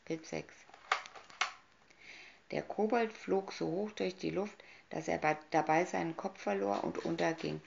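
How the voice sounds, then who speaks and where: A woman reading a fairy tale aloud from a picture booklet, announcing each picture in calm storybook narration. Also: lowish voice, measured pace, creaky. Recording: dull lo-fi recording.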